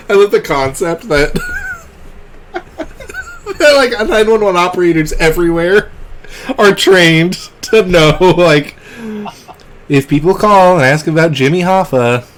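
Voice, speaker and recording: A man co-hosting a casual podcast, talking excitedly with swearing and laughter. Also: sits high, takes it slowly, pauses often, a little hiss or hum. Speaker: podcast co-host. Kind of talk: casual chat.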